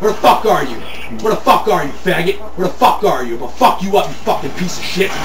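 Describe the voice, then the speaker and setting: A young man yelling profane, explosive trash talk as he plays a video game. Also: high voice, animated, a little fast. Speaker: video gamer. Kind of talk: angry trash talk while gaming. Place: dim living room at home. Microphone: handheld camera a few feet away. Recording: noisy, roomy home video from a distance.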